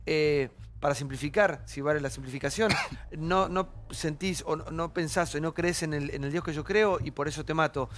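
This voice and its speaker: A man's voice: fairly high pitch, normal speed, fairly bright tone. Earnest Argentine man on a panel. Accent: Rioplatense Spanish. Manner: earnest, interjects often. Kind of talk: televised panel discussion. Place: TV studio.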